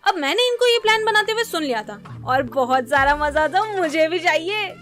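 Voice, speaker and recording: High-voiced sarcastic woman storyteller. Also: moderate pace, soft background music. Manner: sarcastic, self-mocking, expressive. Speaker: animated storyteller. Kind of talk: comedic storytelling narration.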